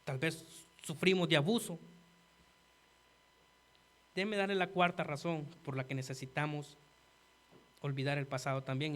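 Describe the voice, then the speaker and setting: A man preaching a sermon earnestly, talking straight to the congregation and swinging from quiet asides to loud emphasis. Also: fairly high pitch. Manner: earnest, addresses listeners as "hermano".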